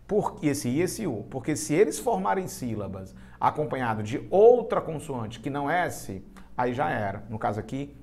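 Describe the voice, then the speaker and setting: A man's voice: on the high side, gravelly. A man with a Brazilian accent teaching a live online grammar lesson for exam prep, chatty and talking straight to his students. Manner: animated, chatty, addresses students directly.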